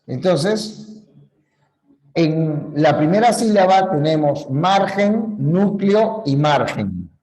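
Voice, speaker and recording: A man's voice: on the high side, expressive, slow, darkish tone, poor audio. A man teaching a grammar lesson, explaining patiently and repeating key points, correcting himself when he slips. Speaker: language teacher. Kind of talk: slow classroom lecture.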